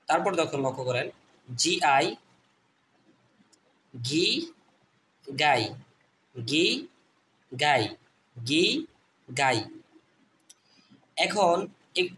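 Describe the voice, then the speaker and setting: A man teaching English reading online, repeating letter sounds slowly and addressing viewers as friends. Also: fairly high pitch, a bit bright, a little hiss or hum. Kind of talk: phonics lesson.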